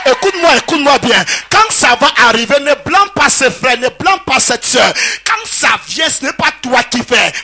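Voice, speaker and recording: A man preaching a fiery sermon as pastor in a church hall, proclaiming with repetition and bursts of shouting. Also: extremely high pitch, very animated, normal speed, creaky, hardly any pauses, slight background noise.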